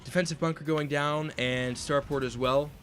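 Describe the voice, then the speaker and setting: A man's voice: a little high, fairly even intonation, moderate pace, a bit bright, a little hiss or hum. A young man giving play-by-play commentary on a strategy game, speculating on each move as it happens. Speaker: esports caster.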